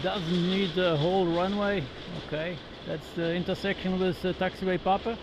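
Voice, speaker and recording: A man's voice: high-pitched, fairly even intonation, moderate pace. A man giving casual live plane-spotting commentary as a livestream host. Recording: noisy outdoor recording with vehicle sounds.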